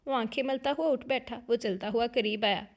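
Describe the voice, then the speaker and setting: Female audiobook narrator, expressive storytelling, slightly high pitch. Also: moderate pace, vocal fry. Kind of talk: scripted audiobook narration of a romance novel.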